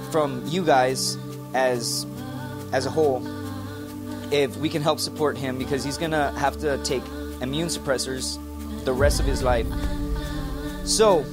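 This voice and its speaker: A young man telling a story to camera in an animated, profane way, calling the listener "dude" over and over. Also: medium pitch. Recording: echoey room with music behind.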